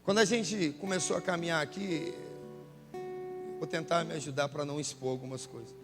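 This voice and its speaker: A man's voice: fairly high pitch, brisk, in a large hall, music in the background. A man preaching a sermon as a pastor, telling stories in a casual, slangy way. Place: church hall.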